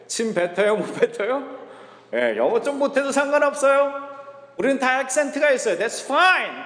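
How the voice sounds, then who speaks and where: High-voiced pastor preaching in an echoey hall. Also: male voice. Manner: storytelling preacher, acts out quotes. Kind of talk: sermon. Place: church sanctuary.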